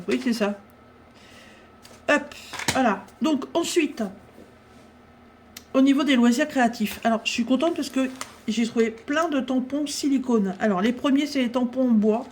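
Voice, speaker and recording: A woman talks her way through a craft-supply haul in a loose, rambling way. She speaks slowly and breaks her sentences with hesitations and fillers, in a somewhat high voice. Faint room ambience sits behind her. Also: darkish tone, a little hiss or hum. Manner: chatty, full of pauses, fillers and "hein". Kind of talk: casual haul commentary.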